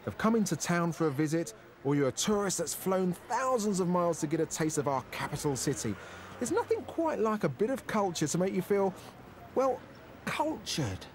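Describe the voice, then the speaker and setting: A man's voice: sits high, very animated, normal speed, slight background noise. A man presenting a food show, narrating with a playful, theatrical delivery and chatting with guests.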